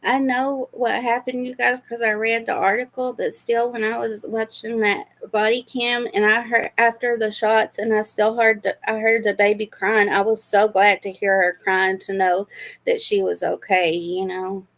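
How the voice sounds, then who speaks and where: Woman streamer, casual chat, gravelly fry, lots of ums, sympathetic. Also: medium pitch, level tone, moderate pace, a bit bright. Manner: rambling, sympathetic, many fillers, reads chat aloud. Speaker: livestream host reacting to news.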